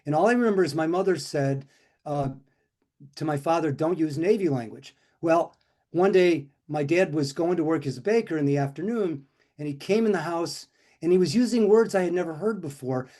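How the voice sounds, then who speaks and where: An older man swaps stories in a loose, rambling chat, circling back and restarting his sentences as he goes. His voice sits a little higher than most men's. He keeps the talk moving. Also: fairly quick, dark tone. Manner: rambling, full of restarts and fillers. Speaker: co-host. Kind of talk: casual storytelling chat.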